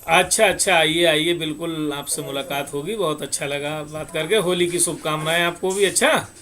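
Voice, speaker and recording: A man's voice: a little high, moderate pace, pushed and bright, faint music behind. A man telling a moral parable and explaining its lesson, speaking straight to his listeners. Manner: explains plainly and addresses listeners directly. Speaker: moral storyteller. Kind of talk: moral parable talk with sung verses.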